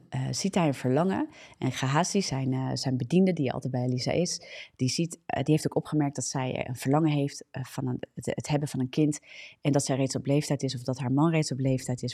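A woman's voice: extremely low pitch, dark tone. A woman giving a live devotional Bible teaching, retelling the story and turning to her listeners with little checks like "right?". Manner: storytelling, addressing listeners directly with "hè?" and "ja?". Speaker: preacher.

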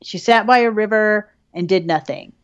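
A woman's voice: medium pitch, normal speed, smooth, no room sound, dull audio. A woman co-hosting a podcast in casual chat, swearing freely and laughing often. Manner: profane, laughing, chatty. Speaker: podcast co-host.

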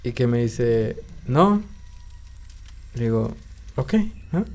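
A man's voice: mid-range voice, unhurried, dark tone. Slangy Mexican man hosting a podcast. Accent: Mexican Spanish. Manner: colloquial, slangy storytelling. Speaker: podcast host. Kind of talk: casual chat. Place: home studio.

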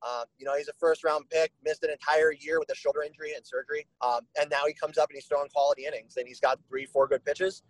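A man's voice: fairly high pitch, flat delivery, fast, hardly any pauses, no room sound, low-quality recording. Rambling man with a dry sound. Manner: rambling, many fillers. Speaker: podcast guest. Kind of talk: casual podcast chat.

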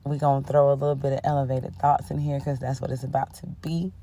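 Low-voiced woman hosting a podcast, under the weather. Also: flat delivery, quick pace, vocal fry. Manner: warm-toned, affirming, sprinkles in "okay?" and "honey". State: under the weather, voice a bit rough. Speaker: podcast host. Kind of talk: casual spiritual podcast chat.

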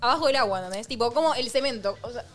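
A young Argentine woman with a Rioplatense accent argues her point insistently and fast. Her voice sits a bit high, with soft music underneath. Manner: insistent, animated arguing. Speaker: podcast co-host. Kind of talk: casual group chat.

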